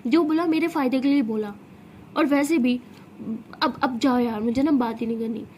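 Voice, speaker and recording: A woman voicing a short-tempered young college woman who snaps sharp retorts. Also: high voice, normal speed, a little hiss or hum, lightly acted. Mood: angry.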